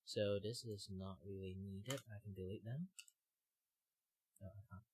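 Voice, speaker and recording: A man's voice: fairly low pitch, measured pace, a little hiss or hum. A young man with a tired, strained voice and Mandarin as his first language, chatting loosely on a stream with lots of fillers. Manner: relaxed, rambling with many fillers. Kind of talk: casual livestream chat.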